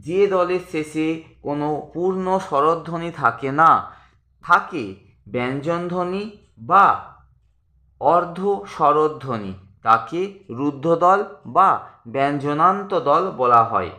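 Guy teaching grammar, kinda high voice, stretches out example words, roomy echo. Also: expressive, pushed and bright. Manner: slow, drawn-out pronunciation of example words; addresses students as friends. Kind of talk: grammar lesson.

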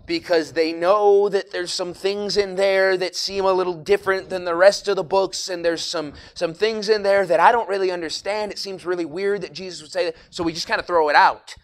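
A man with a high-pitched voice leads a Bible lesson in a church classroom. He talks in a conversational, emphatic way, reads scripture aloud and then retells it in everyday words. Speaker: Bible institute teacher.

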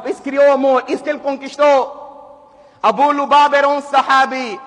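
A male preacher delivers a Friday sermon in a mosque hall with a long, ringing reverb. His voice sits very high and bright. He moves between loud, urgent exhortation and hushed storytelling, with passages of recited Arabic.

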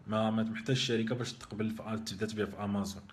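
A man with a Moroccan Arabic accent hosting a live stream, answering viewer questions in a rapid, emphatic way that repeats and restarts phrases. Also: on the low side, fairly even intonation. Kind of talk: casual live Q&A.

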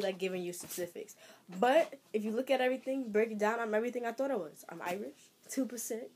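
Young female vlogger, mid-range pitch, animated and exclamatory, chatty thinking-aloud delivery. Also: slight background noise. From Trinidad. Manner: excitable, exclaiming, thinking aloud while reading. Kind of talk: casual vlog, reacting to results.

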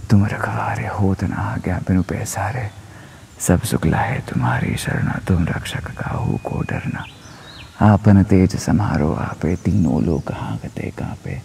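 Young man, deep voice, slow delivery, soft spoken-word recitation, half-whispered, earphone mic outdoors. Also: gravelly, slight background noise. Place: outdoors in a forest. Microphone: wired earphone mic, phone at arm's length.

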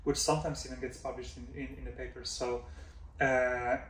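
Recorded from afar by a camera mic in an office, with roomy echo and faint hum, a man in his forties who grew up in Denmark answers interview questions as a professor. He talks fairly quickly in a mid-range, fairly bright voice with little pitch movement, thoughtful but full of fillers and "right?"

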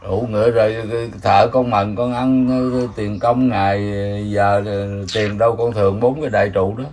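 A man's voice: fairly low pitch, moderate pace, slight background noise. Older Southern Vietnamese man telling folk tales. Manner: rambling, animated folk storytelling with chuckles. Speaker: elder storyteller. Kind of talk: casual storytelling.

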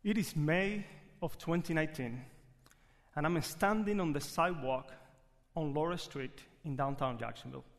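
A man with a Cuban Spanish accent telling a personal story live on stage, earnest and reflective. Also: on the high side. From Cuba. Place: theater stage. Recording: live theater hall reverb.

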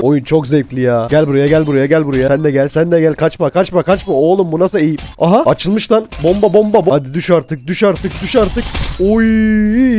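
A young man who is sick and hoarse, doing excitable gameplay commentary and swearing at the game. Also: on the high side, a little hiss or hum. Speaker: gaming YouTuber.

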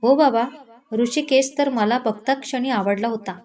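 A woman voicing a quick-tongued young wife in a read-aloud romance, sharp and argumentative. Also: fairly high pitch, natural voice. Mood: earnest.

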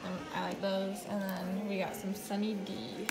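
A mother in her thirties films a grocery haul on her phone, held over the counter in her home kitchen, casually listing her purchases in a relaxed, chatty way. She speaks at a medium pitch and normal speed over music, with kids talking and loud background noise making the recording noisy.

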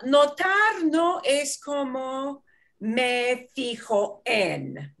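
A woman's voice: sits high, expressive, extremely slow, vocal fry, a bit bright. A woman from Michigan teaching Spanish in an online class, patiently explaining and switching into English to clarify. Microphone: video call.

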